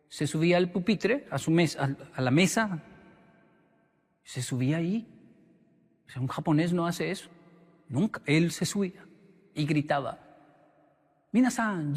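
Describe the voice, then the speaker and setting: Animated male speaker in a reverberant hall. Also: a little high. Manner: animated storyteller acting out voices. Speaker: motivational speaker. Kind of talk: storytelling sermon.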